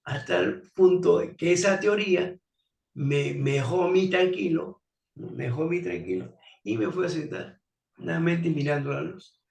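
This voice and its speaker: Gravelly man telling a story. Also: on the high side, normal speed. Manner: animated, acts out dialogue. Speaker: interview guest. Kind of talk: storytelling anecdote. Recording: roomy, distant mic.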